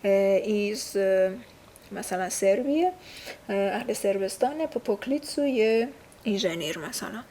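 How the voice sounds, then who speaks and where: A woman's voice: mid-range voice, lively intonation, mellow, slight background noise. A woman with a Persian accent teaching a language lesson from a textbook. She explains things patiently and uses many fillers. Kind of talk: casual recorded lesson reading a textbook.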